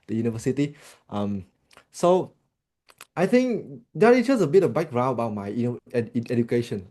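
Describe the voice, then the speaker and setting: Mellow-voiced Vietnamese man, halting. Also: medium pitch. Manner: hesitant, many restarts and fillers. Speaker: guest. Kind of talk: casual interview chat.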